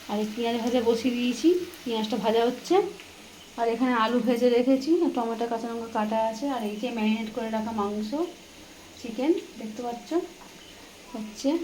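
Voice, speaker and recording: A home vlogger chats away in her kitchen, showing her shopping and cooking and talking to viewers like friends. Her fairly high-pitched voice comes through a rough recording with loud household noise behind her.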